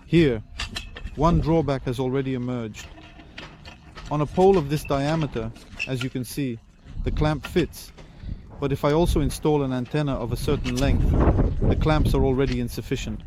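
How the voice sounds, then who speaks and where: Against a noisy background, a man with a medium-pitched voice reviews radio equipment at normal speed. As the presenter, he gives a hands-on demonstration and explains things plainly, step by step.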